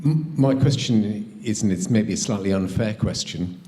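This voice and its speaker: A low-voiced man asks a polite, tentative question from the audience. His dark voice sounds roomy and echoey. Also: normal speed. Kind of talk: conference Q&A. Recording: roomy echo.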